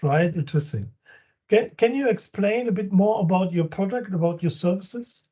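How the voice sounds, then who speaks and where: The dull lo-fi recording captures a friendly, affirming interview host, a business coach with a German accent who restarts phrases in English. His voice sits high with a dark tone and a slight roughness, moving at a normal speed with lively intonation.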